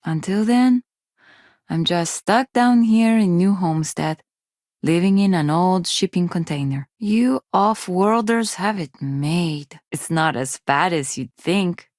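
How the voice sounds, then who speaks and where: Video game dialogue features an actress as a hesitant, awkward young adult undergraduate from a poor space colony, shy and full of self-doubt. She has a mid-range female voice, captured as clean studio sound with no echo.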